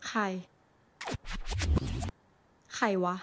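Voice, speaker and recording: A woman's voice: quick pace, natural voice. An actress narrating as a young woman who grieves her late boyfriend, with blunt, crude, wry complaints. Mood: sad. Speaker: narrator of the commercial. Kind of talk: scripted voice-over narration. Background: guitar music.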